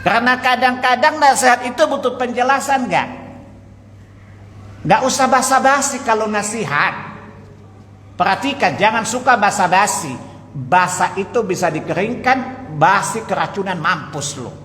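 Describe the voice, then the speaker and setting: A man's voice: high voice, moderate pace, a little hiss or hum. A man preaching a sermon, telling stories with acted-out dialogue and asking his listeners questions. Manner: lively storytelling, asks the audience questions, acts out dialogue. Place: mosque hall. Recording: echoey mosque hall.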